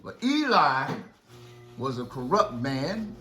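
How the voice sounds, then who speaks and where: A man casually retelling a Bible story to his children, lively and slangy, acting out the dialogue. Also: medium pitch, slow pace, soft background music. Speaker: father telling a Bible story.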